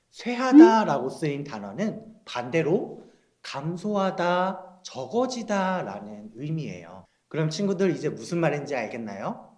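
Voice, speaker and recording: Young male children's pastor, gentle questioning tone, lively and high pitch, roomy echo. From South Korea. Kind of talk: children's sermon.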